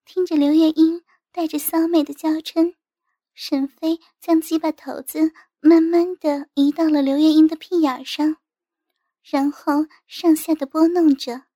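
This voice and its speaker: A woman reading a story as narrator in a steady, even manner. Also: sits high, unhurried, no echo, studio quality. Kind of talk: scripted narration.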